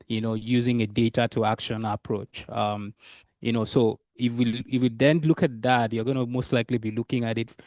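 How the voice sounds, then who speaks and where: A man giving a conference presentation, halting often and circling back over his phrases. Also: mid-range voice, darkish tone, no echo, studio quality. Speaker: conference speaker, technical team leader.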